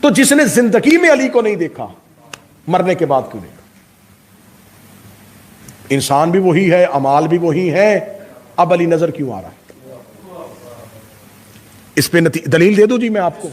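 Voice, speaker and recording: A man's voice: high-pitched, animated, pauses often. Impassioned male cleric preaching a sermon. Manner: oratorical, poses rhetorical questions; swings from loud peaks to hushed asides. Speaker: Shia cleric. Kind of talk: majlis sermon to a live congregation.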